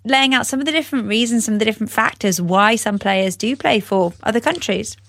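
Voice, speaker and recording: A woman hosting a news explainer, speaking in a clear, conversational way. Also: on the high side, fairly quick, fairly bright tone, no room sound. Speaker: host.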